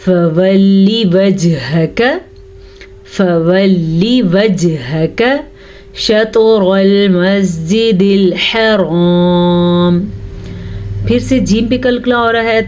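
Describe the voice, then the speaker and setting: Slow, patient woman teaching recitation. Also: mid-range voice, a little mellow, slight background noise. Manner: patient, repeats sounds to correct them. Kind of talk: tajweed lesson.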